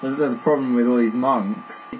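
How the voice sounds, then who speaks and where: A man's voice: mid-range voice, fairly even intonation, moderate pace, very noisy. A young man co-hosting a casual chat, rambling with lots of fillers and restarts. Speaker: podcast co-host.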